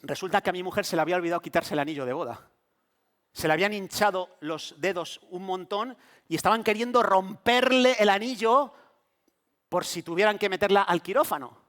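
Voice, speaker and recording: A man's voice: sits high, fairly quick, fairly bright tone. A middle-aged man preaching a sermon as pastor, telling a personal story and acting out the voices of the people in it. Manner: storytelling preacher who acts out quoted voices.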